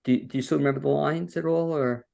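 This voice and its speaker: He's a podcast host whose fairly high, creaky, mellow voice stays fairly even in intonation while he talks at a quick pace. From his home studio, he interviews guests over a video call, rambling folksily with fillers and restarts.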